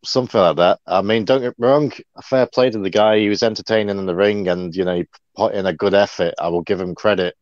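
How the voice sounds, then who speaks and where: A man with a somewhat low voice co-hosts a casual livestream, rambling along with plenty of fillers. His sound is dry and dull, like a lo-fi mic in a dead room. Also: fairly even intonation, quick pace, no room sound. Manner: chatty, rambling, many fillers. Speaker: co-host.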